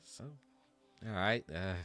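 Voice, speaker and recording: A man runs a tabletop game in a loose, halting way, full of fillers. His voice is fairly low but bright and forward. Soft music plays behind him. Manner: casual, halting, with many fillers. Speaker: game master.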